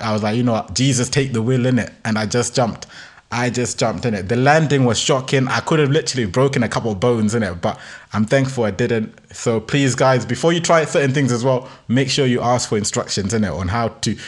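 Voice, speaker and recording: A man in his twenties with a London roadman accent and slangy street talk, hosting a casual motivational podcast monologue. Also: medium pitch. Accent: London, urban roadman slang style. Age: 20s. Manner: street-slang talk with constant "innit" tags. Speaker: podcast host.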